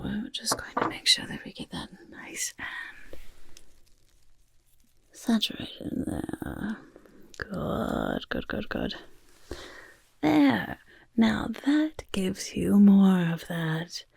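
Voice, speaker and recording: A woman plays a chaotic, motherly goblin overlord who loves filth in a soft-spoken ASMR roleplay, coaxing and fussing in breathy, creaky whispers full of repeated words. Her mid-range voice swoops wildly in pitch at a slow pace with frequent pauses, fully in character. She is close to the microphone, and the sound is dry with no room sound.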